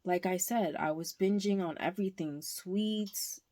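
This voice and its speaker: Woman, casual vlog at home, candid and hesitant, deep voice. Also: mellow. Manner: candid, slow and hesitant with many pauses. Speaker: vlogger. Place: indoors at home, under a blanket.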